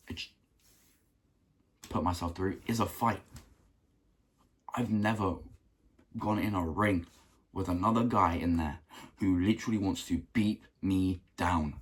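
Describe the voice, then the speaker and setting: A young man giving an earnest motivational talk to camera, repeating phrases for emphasis and clearing a rough throat. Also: low voice. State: keeps clearing his throat. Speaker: self-improvement vlogger.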